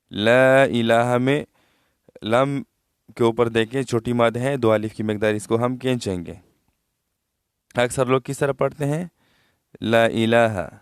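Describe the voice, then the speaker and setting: Smooth-voiced man teaching recitation. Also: fairly low pitch, no room sound, studio quality. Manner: patient, repeats words slowly to show correct pronunciation. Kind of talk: tajweed lesson, explaining then reciting slowly.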